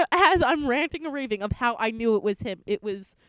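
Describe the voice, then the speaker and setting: Chatty young woman, smooth close voice. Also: a little high, lively intonation, brisk, fairly bright tone, dry recording, low-quality recording. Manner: chatty storyteller, many "like" fillers. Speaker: podcast co-host. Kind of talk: casual chat.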